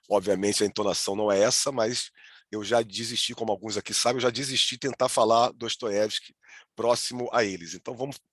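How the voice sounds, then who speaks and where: A man's voice: fairly low pitch, no room sound, clean studio sound. Hesitant Brazilian man lecturing online. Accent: Brazilian Portuguese. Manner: hesitant, with frequent restarts and "né?" checks. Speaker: lecturer leading a virtual tour.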